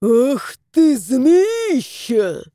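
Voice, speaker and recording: A woman voicing a grumbling, gruff old male house spirit in a storybook reading. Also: fairly high pitch, sing-song, slow, warm tone, no room sound, clean studio sound. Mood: furious.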